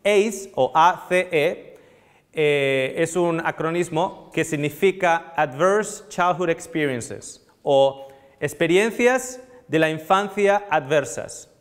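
A man in his thirties lectures a small live audience on nutrition, with a somewhat high voice, leaning into questions to the room. His lapel mic catches the long reverb of the hall around him. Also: slow pace. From Spain. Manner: animated, asks the audience questions, gestures a lot. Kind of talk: live seminar talk to an audience.

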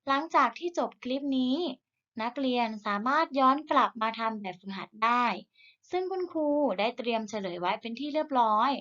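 Thai teacher woman, slow and encouraging. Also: high-pitched, expressive, dull audio. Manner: slow, deliberate modelling of sounds for repetition; gentle, encouraging tone to children. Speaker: primary school teacher. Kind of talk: recorded reading lesson for young children.

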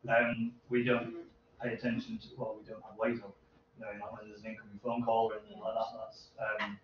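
A man in his thirties, presenting at a seminar in a university seminar room, answers audience questions with informal, hesitant explanations. His fairly low voice is monotone and fairly quick. A distant camera microphone records him from afar, so the room sounds echoey, dull and hissy.

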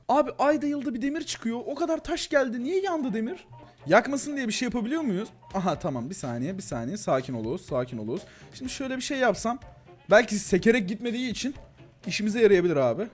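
A young man talks fast and animatedly over his gameplay. His voice is high and bouncy, swinging between thin and deep tones. Faint music plays behind him. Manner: excitable, chatty, talks to viewers as "gençler" and "abi", frequent laughs. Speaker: gaming YouTuber. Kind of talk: casual Let's Play commentary.

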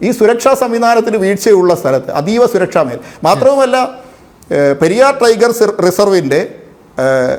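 Man, high-pitched voice, TV debate panelist, forceful, rhetorical questions, halting fillers. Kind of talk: televised political debate.

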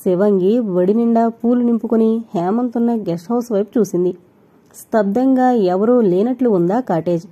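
A woman reading an audio novel aloud, with steady storytelling narration. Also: a little high, normal speed, dull audio.

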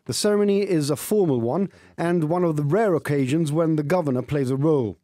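A man narrating a news report in a measured, formal way. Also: on the high side, warm tone, dry recording, clean studio sound. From Gibraltar.

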